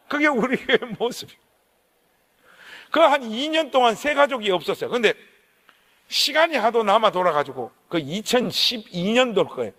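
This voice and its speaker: Korean guy preaching, high voice, tells the story all worked up, church hall echo rings long. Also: sharp tone. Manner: emotional, vivid storytelling with acted quotes. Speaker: pastor. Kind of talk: revival sermon storytelling. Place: church sanctuary.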